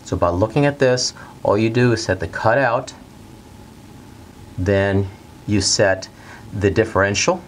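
A middle-aged man teaching a technical lesson at a whiteboard in a studio, talking plainly and steadily and repeating the key steps slowly. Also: lowish voice, slight background noise. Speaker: HVAC instructor. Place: bright indoor studio at a whiteboard.

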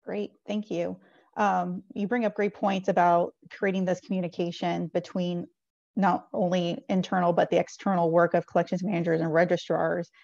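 A woman's voice: fairly low pitch, moderate pace, creaky, no room sound. A woman moderating a panel on a video call, asking her guests short questions. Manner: brief, even questions. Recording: dull dry video call audio.

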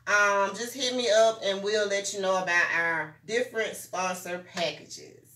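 A woman hosting a casual talk show, giving lively sponsor shout-outs and talking straight to her listeners. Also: medium pitch, measured pace. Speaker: podcast host. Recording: roomy echo, mic at a distance.

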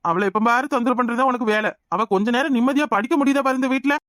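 A woman voicing a sharp-tongued village mother-in-law in a cartoon, bossy and cutting, with a southern Tamil Nadu village accent. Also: fairly high pitch, rapid-fire, dry recording, clean studio sound, natural voice.

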